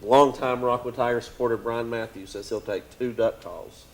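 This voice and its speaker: An easygoing man hosts a casual local sports chat show. His voice sits at an ordinary middle pitch, and his delivery is relaxed and lightly teasing as he moves the conversation along. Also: moderate pace, a little hiss or hum. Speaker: show host.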